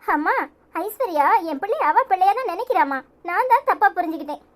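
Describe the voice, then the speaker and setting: A woman's voice: very high-pitched, expressive, fairly quick. A woman voicing an earnest, pleading young married daughter in a cartoon, with a Tirunelveli Tamil accent.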